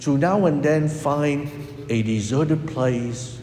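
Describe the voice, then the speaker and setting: A man preaching a sermon as a priest, with a slow, emphatic delivery that rises and drops dramatically. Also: a little high, darkish tone, slight background noise. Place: church. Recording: echoey hall with long reverb.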